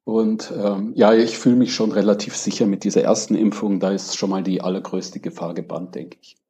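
A man answering casually as a guest, reflective and pausing now and then to search for words. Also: fairly low pitch, fairly even intonation, dark tone. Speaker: podcast guest, crime novelist. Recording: dull, lo-fi connection.

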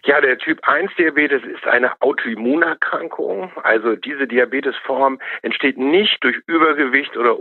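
Husky man on a phone-like line. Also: medium pitch, no echo. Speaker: doctor, expert guest. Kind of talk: explanatory interview answers. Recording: tinny, narrow phone-like line.

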